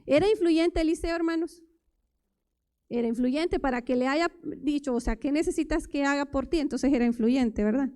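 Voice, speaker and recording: A woman's voice: high voice, normal speed, a little mellow. A woman preaching a sermon at a church service, talking in a conversational way and putting many rhetorical questions to the congregation. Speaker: lay preacher.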